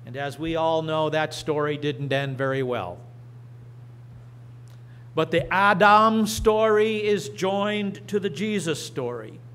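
A middle-aged man preaching and reading scripture from a church lectern, slow and deliberate with emphatic rises. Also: on the high side, fairly bright tone. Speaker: pastor. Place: church sanctuary. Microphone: lectern microphone.

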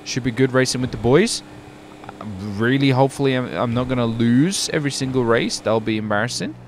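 A man's voice: mid-range voice, brisk, slight background noise. A young man from the UK chatting casually while roleplaying in a driving game, rambling and saying "dude" a lot. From United Kingdom. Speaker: roleplay streamer.

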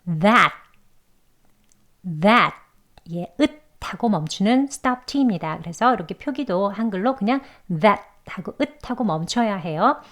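A woman with a Korean accent, teaching English pronunciation patiently, slowly sounding out words and repeating them for practice. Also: mid-range voice, expressive. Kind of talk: slow instructional explanation.

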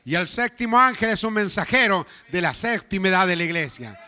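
A man preaching in church, his voice pitched high and strikingly bright and clear. He preaches with fervor and breaks into impassioned shouts, often calling his listeners brother. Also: lively intonation, brisk. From Chile. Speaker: pastor. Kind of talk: fervent Pentecostal-style sermon.

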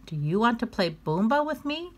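A woman voicing a two-year-old penguin boy, a clingy little brother who talks in a high, eager voice in a storybook. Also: sing-song, normal speed. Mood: happy. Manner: high, eager, tearful when alone.

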